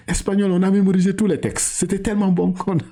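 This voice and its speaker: A middle-aged man whose first language is not French, teaching Quran reading in a chatty, informal way, laughing often and drawing out syllables in slow drills. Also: sits high, level tone, warm tone.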